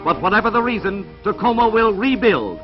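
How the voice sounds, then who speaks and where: A man's voice: big pitch swings, fairly quick. Dramatic old 1940s newsreel announcer man. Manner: dramatic, booming announcer delivery. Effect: old 1940s newsreel soundtrack. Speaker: newsreel narrator. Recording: muffled old film sound under loud music.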